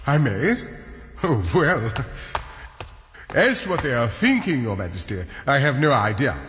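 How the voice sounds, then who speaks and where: Stuffy royal chamberlain soldier, formal announcer type, swoopy delivery, music behind, audio drama. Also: male voice, mid-range voice, sing-song, unhurried, a bit bright. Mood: dryly deferential. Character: pompous palace soldier, ceremonious servant of the king. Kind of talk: theatrical audio drama acting. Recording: long hall reverb, clear music behind.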